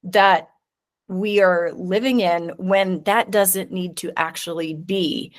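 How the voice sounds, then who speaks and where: A middle-aged woman talking as a podcast guest in casual conversation, animated and quick to act out little voices. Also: lowish voice. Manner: animated, acts out voices in anecdotes, swears casually. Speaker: guest, neurosculpting teacher.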